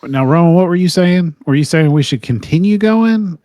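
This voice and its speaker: Male tabletop player, highish and animated, casual banter. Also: normal speed, no echo, studio quality. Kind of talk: casual chat.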